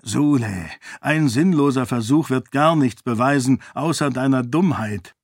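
A man's voice: mid-range voice, unhurried, dry recording, clean studio sound. A man playing a stern caring friend. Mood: admonishing. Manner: firm, admonishing.

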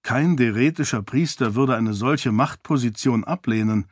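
A man voicing a stern, ambitious male high priest in an audiobook, speaking in a commanding, formal way. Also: moderate pace, breathy edge, no room sound, close to an everyday voice.

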